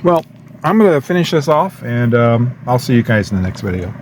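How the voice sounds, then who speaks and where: A man vlogging in his van, talking with his mouth full between bites and clearing his throat now and then. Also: mid-range voice, big pitch swings, brisk, darkish tone, slight background noise. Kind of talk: casual chat while eating. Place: inside a camper van.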